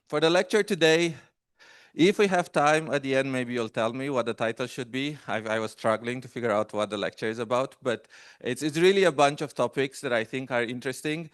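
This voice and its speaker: Hesitant male lecturer with smooth voice. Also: medium pitch, no room sound, studio quality. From Romania. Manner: hesitant, many fillers and restarts. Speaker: guest lecturer. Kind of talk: academic lecture. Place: lecture room.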